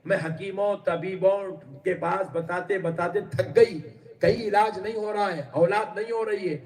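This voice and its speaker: Male preacher, rhythmic storyteller who builds to shouts; slightly high voice, mic well off. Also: fairly even intonation, far from the mic. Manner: rhythmic repetition of phrases, rising to shouted emphasis. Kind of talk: religious sermon with storytelling.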